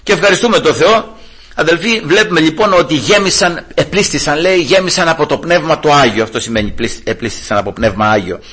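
A man's voice: on the high side, slightly rough. A man preaching a Bible study sermon to his congregation, telling stories with animation and often addressing the listeners as brothers. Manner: animated storytelling, rising loud for retold shouts. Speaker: pastor.

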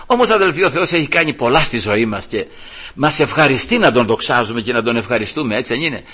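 An older man, a grandfather, preaching and telling a heartfelt story to his congregation, warm and emotional with many restarts. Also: medium pitch, husky. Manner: emotional, animated, restarts often. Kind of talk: storytelling sermon.

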